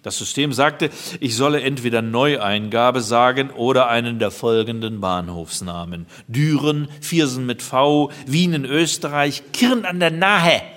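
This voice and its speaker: A man's voice: medium pitch, measured pace, few pauses, a bit bright. A man reading a first-person story aloud in a dry, wry manner. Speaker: narrator.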